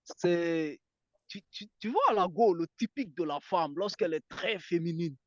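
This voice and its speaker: A man's voice: high-pitched, normal speed, dry recording, muffled recording. A man in casual debate, talking insistently and repeating words as he searches for them.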